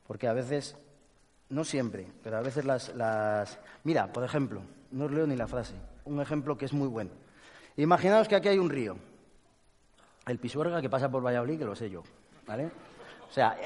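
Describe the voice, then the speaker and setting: A man with a Spain Spanish accent giving a lively talk to an audience, blunt and joking and swearing casually. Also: medium pitch. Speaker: speaker giving a talk on inner peace. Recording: long hall reverb.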